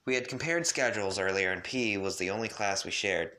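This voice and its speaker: A man casually reading a first-person story aloud, relaxed, stumbling and correcting himself now and then. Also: fairly low pitch, a little fast. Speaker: reader of fan fiction.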